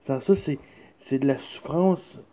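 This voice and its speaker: A man's voice: on the high side, unhurried, dark tone. A man with a Quebec French accent making a rambling, insistent personal plea, repeatedly checking that he is understood. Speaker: son speaking to his mother.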